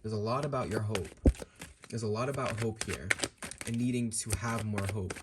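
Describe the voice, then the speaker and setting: A man's voice: lowish voice, normal speed, very noisy. A man giving a fortune teller's improvised tarot reading straight to the listener, musing and circling back to repeat and rephrase his phrases. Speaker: tarot card reader.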